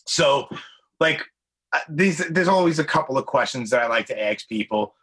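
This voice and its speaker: Bright-voiced New man, rambling. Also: mid-range voice, expressive, moderate pace, slightly rough. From Brooklyn, New York. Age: 40s. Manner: rambling, filler-heavy, enthusiastic. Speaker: podcast host. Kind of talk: casual interview chat.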